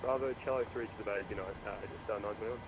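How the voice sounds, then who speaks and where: A pilot on the radio frequency, heard over a cockpit headset, talking in brisk, clipped radio phrasing. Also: male voice, fairly low pitch, fairly even intonation, heavy background noise.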